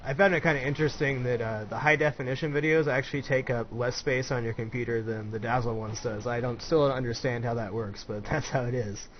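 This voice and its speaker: A man in his twenties hosts and interviews in a casual chat over gameplay commentary, asking easygoing questions. His medium-pitched voice is brisk with fairly even intonation and hardly any pauses, heard through dull lo-fi voice-chat audio with clear background noise.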